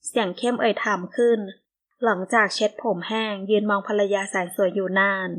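A woman reads a romance novel aloud for an audiobook. Her voice sits at an ordinary mid pitch, and her delivery is calm and measured throughout. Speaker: audiobook narrator. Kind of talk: scripted narration of a romance novel.

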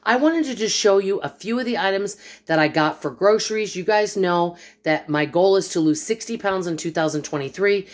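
A woman's voice: mid-range voice, moderate pace, few pauses. A middle-aged woman chatting casually to viewers in a vlog, upbeat and friendly, filmed on a phone at arm's length in her home kitchen. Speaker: vlogger. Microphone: phone held at arm's length.

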